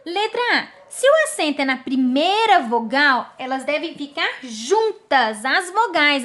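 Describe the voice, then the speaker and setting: A woman teacher giving a lesson, spelling out examples slowly and pointing at each one. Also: high-pitched, fairly bright tone. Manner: slow, drawn-out word by word, pointing at examples. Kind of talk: classroom lesson on syllable division.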